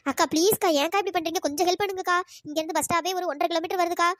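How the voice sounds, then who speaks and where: A woman's voice: very high voice, steady tone, no room sound. Cartoon role: loyal young village friend, dry close voice, pleading and coaxing, a woman voicing her. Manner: pleading, fast coaxing chatter. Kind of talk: cartoon voice acting.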